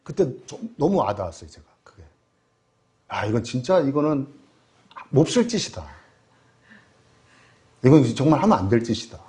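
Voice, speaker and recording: Lively Korean pastor preaching. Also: male voice, mid-range voice, normal speed, long pauses. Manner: animated storytelling with rhetorical questions to the congregation. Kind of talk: sermon.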